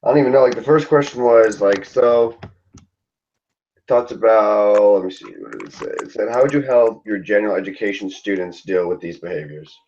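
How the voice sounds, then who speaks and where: Young male student, hesitant and filler-heavy, fairly low, warm voice, dull lo-fi recording. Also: a little fast, slight background noise. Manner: hesitant, loose, lots of fillers. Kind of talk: casual group discussion.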